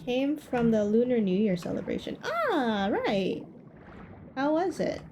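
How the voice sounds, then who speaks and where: Over game music and background noise, a woman livestreamer chats casually with her viewers, often repeating short phrases. Her voice is a little high, with huge pitch swings and an unhurried pace.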